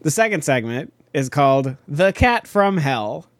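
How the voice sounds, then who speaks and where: A man with a fairly high voice talks movies in a relaxed, casual way, laughing often. The recording is dry and close, with no room sound. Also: unhurried, no room sound. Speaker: podcast co-host. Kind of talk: casual chat reviewing a movie.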